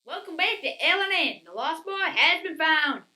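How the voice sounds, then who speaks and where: A woman's voice: very high voice, lively intonation, moderate pace, music in the background, low-quality recording. A woman playing a cheerful, naive country boy anchor with a put-on drawl. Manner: folksy, eager.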